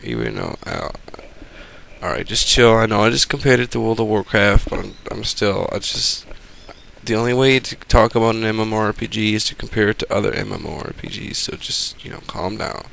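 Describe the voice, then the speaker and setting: Gravelly man rambling over gameplay. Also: lowish voice, very animated, fairly quick, a bit bright, a little hiss or hum. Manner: rambling, profane, sarcastic. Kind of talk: casual game commentary voice-over.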